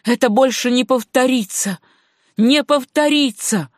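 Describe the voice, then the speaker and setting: A woman's voice: medium pitch, moderate pace, no echo, studio quality, close to an everyday voice. A woman reading an audiobook and voicing an enraged male dwarf hermit with fierce, bitter outbursts. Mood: frantic.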